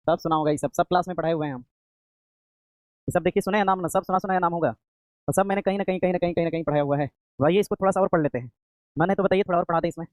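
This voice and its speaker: A man's voice: sits high, a little mellow, dry recording. A male coaching teacher giving an exam-prep lecture, asking his own questions and answering them, repeating each key term to a class that is also streamed online. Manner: repeats key terms again and again.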